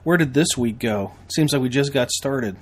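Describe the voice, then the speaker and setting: A mid-range, husky male voice at a moderate pace. He's an American podcast host giving a promotional monologue in the role of a training instructor, emphatic and folksy, full of repetition and rhetorical questions.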